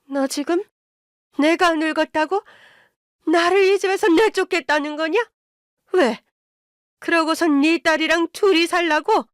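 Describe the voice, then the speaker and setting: A woman voicing an elderly, domineering mother-in-law who scolds in shrill outbursts. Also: a little slow, pauses often, no room sound, clean studio sound. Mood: furious.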